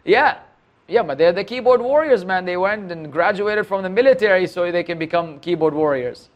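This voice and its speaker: High-voiced man in his forties, candid chat. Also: animated, normal speed, dull audio. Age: 40s. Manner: candid, self-deprecating, lots of restarts. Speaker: podcast guest, Islamic preacher. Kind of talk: casual podcast conversation.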